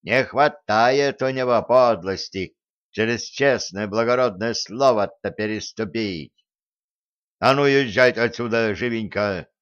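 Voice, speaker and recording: A man voicing bold, stubborn armed peasant men who shout back loudly and cheekily. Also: fairly low pitch, measured pace. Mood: defiant, cheeky. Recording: slightly dull recording.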